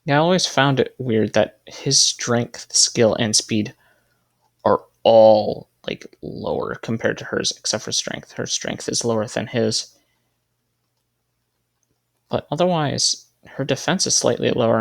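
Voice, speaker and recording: A man who makes gaming videos speaks at a medium pitch, unhurried and creaky. He's setting up a team in casual commentary, reasoning aloud and correcting himself as he goes.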